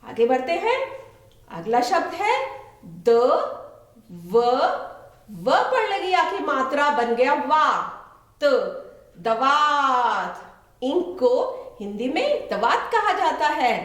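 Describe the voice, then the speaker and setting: A woman teaching young children to read, sounding out words syllable by syllable in a sing-song, coaxing way. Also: sits high. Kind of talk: children's phonics lesson. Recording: very echoey room.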